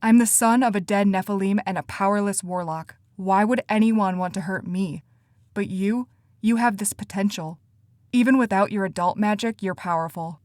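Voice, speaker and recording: A woman voicing an earnest, anxious teenage boy who talks eagerly in rushes, in an audiobook. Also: medium pitch, a little mellow, no echo, studio quality, close to an everyday voice.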